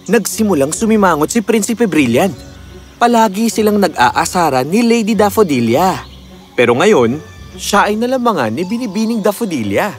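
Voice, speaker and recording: A man narrating a children's fairy tale in a slow, expressive storytelling manner. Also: high voice, soft background music.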